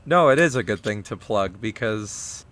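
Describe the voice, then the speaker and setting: Laid-back low-voiced man in his twenties. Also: expressive, normal speed, fairly bright tone. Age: 20s. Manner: laid-back, offhand, swearing. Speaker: podcast co-host. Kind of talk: casual podcast banter.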